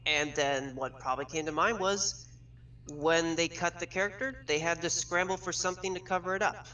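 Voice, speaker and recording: On a casual gaming chat, a male guest who has a leak source lays out his theories step by step in careful detail. His voice sits fairly high, with a sharp tone and a normal speed. He sounds far from the mic, with faint music behind him.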